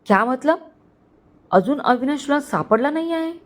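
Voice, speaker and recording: A woman voicing an impatient young man who asks sharp, demanding questions on a late-night call. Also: medium pitch, a little slow, lightly acted.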